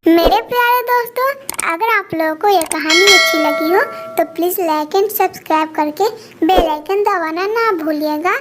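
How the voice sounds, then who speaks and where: A woman narrating a cartoon story in a lively way, and speaking directly to her viewers. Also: very high voice, moderate pace.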